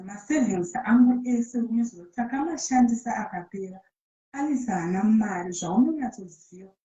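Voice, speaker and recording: A woman speaks quickly and with emphasis, accusing and aggrieved, through a played-back voice message. Her tone is dark and mellow. The sound is dull and muffled, with a roomy echo. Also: mid-range voice. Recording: muffled, roomy voice-note playback.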